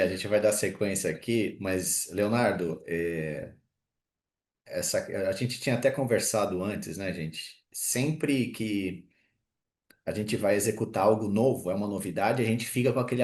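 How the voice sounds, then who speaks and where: A man's voice: lowish voice, darkish tone. A man hosting an online lecture over a video call, speaking in an encouraging way with many fillers. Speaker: host of technical webinar. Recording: echoey room.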